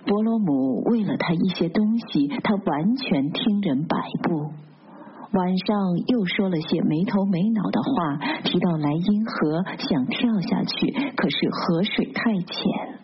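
A woman narrating a literary novel aloud in a steady, measured storytelling manner. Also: on the low side, slight background noise. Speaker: audiobook narrator. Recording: dull lo-fi recording.

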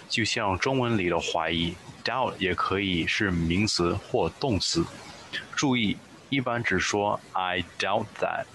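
A man teaching English pronunciation in Chinese, explaining slowly and carefully. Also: sits low, pushed and bright, a little hiss or hum, poor audio. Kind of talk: pronunciation lesson.

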